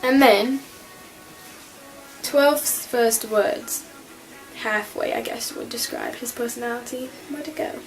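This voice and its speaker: Brief: high-voiced woman, chatty rambling vlog rant, lots of "like". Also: takes it slowly, faint music behind, rough recording. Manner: rambling, many fillers and restarts. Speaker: vlogger. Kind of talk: casual fan rant to camera.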